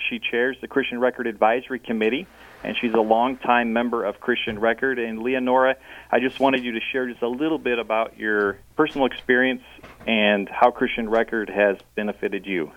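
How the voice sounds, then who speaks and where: A charity representative phones into a radio program for a relaxed interview, hesitating often and filling pauses with ums and uhs. He talks fairly quickly in a steady, mid-range voice; the recording is dry and comes through a tinny phone line.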